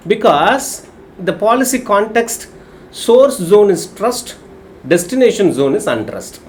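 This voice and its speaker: Man, Telugu Indian English accent, technical instructor, lively swooping intonation, explanatory, frequent check-in questions, faint background noise. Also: high-pitched, unhurried. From Telugu-speaking region of India. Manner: explanatory, checks understanding with short tag questions. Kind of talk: live technical lesson with screen demonstration.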